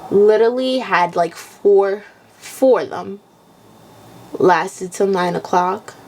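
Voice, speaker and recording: A woman's voice: medium pitch, a little hiss or hum, poor audio. Young woman, blunt casual podcast chat. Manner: blunt, swears freely, animated retelling. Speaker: podcast co-host.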